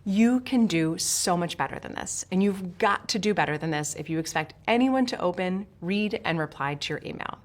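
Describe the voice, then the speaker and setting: A woman's voice: lowish voice, expressive, normal speed, few pauses. A woman from Switzerland narrating a sales course in an upbeat, emphatic coaching manner, speaking straight to the viewer. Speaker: sales instructor.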